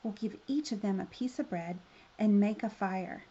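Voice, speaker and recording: A woman's voice: medium pitch, moderate pace, warm tone, slightly rough, muffled recording, close to an everyday voice. A woman reading the part of a cold-hearted stepmother in a storybook, curt and scolding. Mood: cold, scheming. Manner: curt, bossy.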